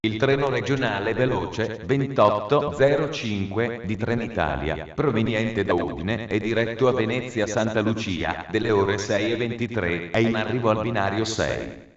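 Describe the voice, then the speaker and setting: Man, flat formal station announcement, segmented phrasing, distant, muffled public address sound. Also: on the low side, moderate pace. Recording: echoey dull station loudspeaker from afar.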